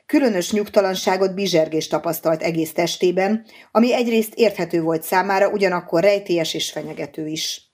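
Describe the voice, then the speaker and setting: A woman narrating a novel in a measured, steady audiobook reading. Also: lowish voice.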